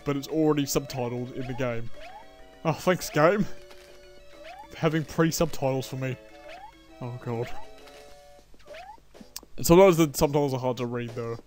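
A young man chatting through a video game with casual, self-mocking commentary, his voice sitting a little high. He bursts into excited outbursts and laughs often, with soft music under him. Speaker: let's play host.

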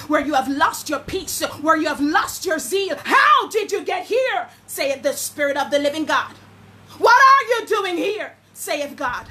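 A woman preaching a fervent sermon, pleading and rising into shouts. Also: sits high, a little hiss or hum. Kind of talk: passionate sermon.

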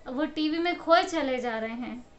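Woman doing a motivational talk to camera, high voice, acts out the stories, slightly muffled audio. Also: normal speed, faint music behind. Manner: animated storytelling, acts out quotes, laughs often. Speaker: motivational speaker. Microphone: camera mic.

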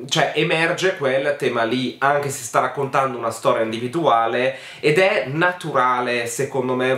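A man giving casual spoken commentary as a video essayist, hesitant and filling pauses with many ums, in a critical tone. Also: medium pitch, a bit bright, reverberant.

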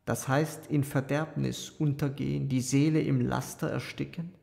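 A man's voice: mid-range voice, level tone, normal speed, creaky, dark tone, in a large hall. A man voicing a cool, sardonic young intellectual in an audiobook reading, wry and argumentative. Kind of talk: audiobook character voice.

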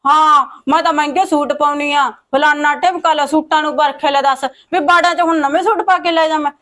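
A sharp-tongued village daughter-in-law, played by a woman with a Punjabi accent, who scolds in a high, fast voice. She keeps up an endless stream of accusations. The sound is dry and close. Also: steady tone, no echo. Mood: complaining. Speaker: actor in a village short film.

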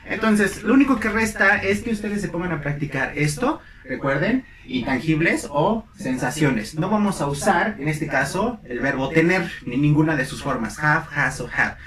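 A man's voice: a little high, animated, a little fast, few pauses, a crowd in the background. Young guy w/ teaching english, repeats stuff a lot, roomy echo, mic kinda far. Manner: drills phrases by repetition, playful asides. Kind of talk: bilingual classroom lesson. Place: small room at a whiteboard. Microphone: camera mic from a few feet away. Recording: roomy, distant mic, faint hiss.

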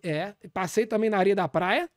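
A brash, shameless apostle holds forth, as a man puts him on in a Brazilian Portuguese accent, deadpan and rambling with churchy asides. The talk races along at a fast clip. It is recorded close on a podcast mic in a dry, dead room. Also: sits high, no room sound, lightly acted. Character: brash, shameless male pastor calling himself apostle. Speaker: comedian in character as a self-styled apostle. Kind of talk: deadpan comic character monologue on a podcast.

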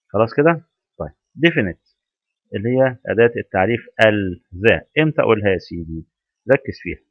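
A man with an Egyptian Arabic accent teaching English grammar, quizzing the listener with rhetorical questions and spelling out examples slowly. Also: on the low side, dry recording, muffled recording. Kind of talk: grammar lesson.

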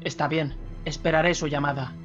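A man's voice: a little high, fairly even intonation, a little fast, fairly bright tone, soft background music, natural voice. A man voicing a puzzled retired man who asks hesitant, uneasy questions, in a slightly dull radio recording.

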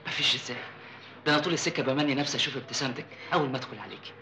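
An actor playing a young merchant son and jealous husband, speaking with an Egyptian accent, boastful and then furious. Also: male voice, medium pitch, racing, noisy background, close to an everyday voice. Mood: tender. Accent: Egyptian Arabic. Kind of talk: 1980s Egyptian film acting.

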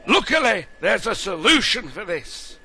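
A man's voice: high-pitched, very animated, measured pace, pushed and bright, breathy edge, heavily acted. A man voicing a bossy, scolding dwarf mine taskmaster in a cartoonish video game tutorial. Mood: bossy instructing.

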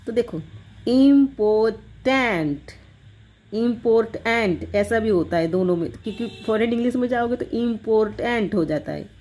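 A woman teaching an English grammar lesson, explaining slowly and deliberately and switching between Hindi and English. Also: mid-range voice, mellow, husky.

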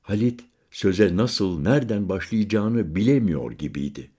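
A man narrating a literary audiobook in the first person, measured and slowing on quiet images. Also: on the low side, expressive, slightly rough.

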